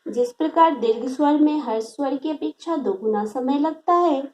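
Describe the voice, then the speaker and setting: A woman's voice: sits high, normal speed, a little mellow. A woman teacher giving a grammar lesson to students, patiently explaining each point twice in simpler words.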